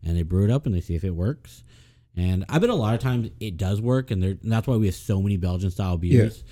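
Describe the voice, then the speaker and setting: A man's voice: lowish voice, expressive, quick pace, warm tone. A laid-back man, co-hosting a casual podcast chat, swearing often and using lots of fillers. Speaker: podcast co-host.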